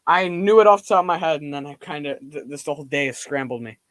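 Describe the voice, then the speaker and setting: A young man streams live from home, standing and moving around so his voice drifts closer to and farther from the mic. His pitch is fairly high and he talks fast, rambling and reacting loudly to plays. There's no echo.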